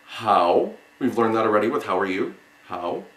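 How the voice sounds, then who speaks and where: This man's voice is lowish and a bit bright, with lively intonation. Teaching sign language in an echoey room, he demonstrates word by word in an instructional lesson, halting and explanatory, repeating single words with pauses. The recording sounds roomy and echoing.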